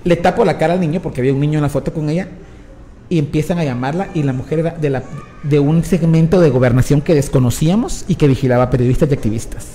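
A man telling a story in an animated, casual way, acting out the voices he quotes. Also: a little high, fast talker. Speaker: guest.

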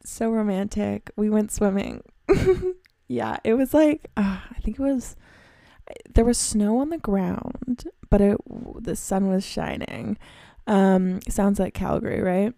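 A young woman hosts her own podcast, rambling through stories in a giggly, self-mocking way. Her voice is mellow and gravelly with plenty of fry. The sound is dry and close. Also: mid-range voice, slow, no room sound. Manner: chatty, self-deprecating, giggly. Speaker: podcast host. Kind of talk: casual solo storytelling.

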